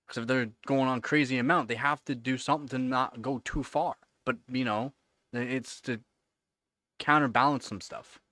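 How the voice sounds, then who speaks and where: A man in his thirties hosts a casual livestream chat, answering viewers in a rambling style heavy with fillers and repeated words. He speaks at a moderate pace in a steady, mid-range voice that's bright and forceful, recorded clean in a studio with no room sound.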